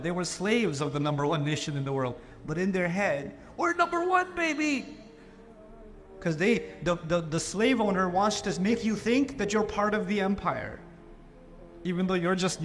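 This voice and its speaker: A high-pitched man from Pakistan delivers an animated Islamic lecture to a live audience, frequently mimicking the people he quotes in mocking voices.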